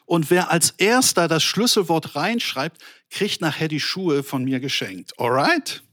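High-voiced man preaching an animated sermon. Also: a little slow. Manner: animated, addresses listeners directly, storytelling; colloquial with English words. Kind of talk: lively sermon to an online audience.

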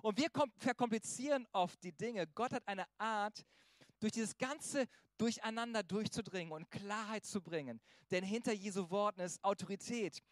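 A middle-aged male pastor delivers a sermon in a lively, animated way, slipping into voices for the people he quotes. His voice sits high for a man. The sound is close and dry, with no room around it. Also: moderate pace, no echo.

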